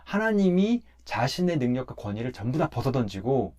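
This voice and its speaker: Fairly quick and medium in pitch, a pastor's voice explains a Bible passage one step at a time. He keeps it relaxed and conversational while putting emphasis on his points.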